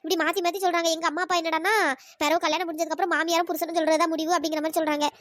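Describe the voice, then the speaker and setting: A woman does cartoon voice acting as a loyal young village friend, pleading and coaxing in fast chatter. Her voice is extremely high with little pitch movement, dry and close, with no room sound.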